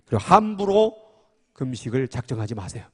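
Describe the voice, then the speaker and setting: A man's voice: mid-range voice, big pitch swings, fairly quick, darkish tone, slightly rough. A man preaching a sermon as pastor, fervent and emphatic, with filler-laden passionate delivery. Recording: long hall reverb.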